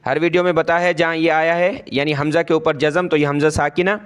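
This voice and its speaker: A man teaching Quran reading, spelling each syllable by its letters and vowel marks, then reciting the word slowly, with brisk explanations in between. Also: fairly high pitch, flat delivery, smooth. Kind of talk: step-by-step Quran reading lesson.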